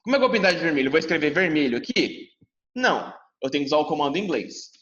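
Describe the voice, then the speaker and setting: A Brazilian man with a Brazilian Portuguese accent teaches a lively class, speaking straight to his students and acting out their questions. His voice is slightly high, expressive and racing, with a fairly bright tone. The recording sounds dull and has a long reverb.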